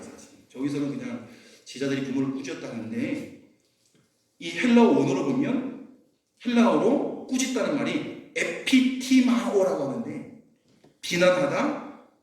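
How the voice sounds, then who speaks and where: A male pastor preaching a sermon, emphatic, often putting questions to the congregation. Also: high voice. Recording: echoey church hall, mic far off.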